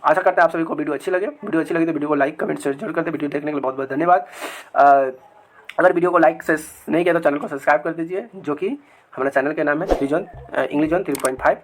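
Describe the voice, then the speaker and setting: A man teaching English grammar to children in a video lesson, repeating each example sentence slowly several times. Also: fairly high pitch, slight background noise. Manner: addresses viewers as children. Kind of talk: Hindi-language grammar lesson.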